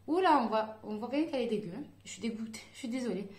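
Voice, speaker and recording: A beauty vlogger with a rather high voice and lively intonation talks quickly through a makeup tutorial. She chats casually with her viewers, hesitating often and filling her speech with fillers. The room sounds echoey.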